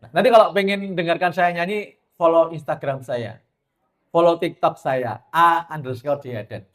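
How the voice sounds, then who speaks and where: A man with a Javanese accent preaching a lively, joking sermon to a women's gathering. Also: on the high side, moderate pace. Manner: lively, joking, mixes in Javascript-free Javanese asides and sung lines.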